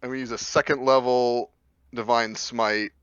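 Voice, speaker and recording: A man's voice: mid-range voice, flat delivery, normal speed, fairly bright tone, clean tone, no room sound, muffled recording. A man playing a tabletop game, eagerly explaining the rules in casual chat.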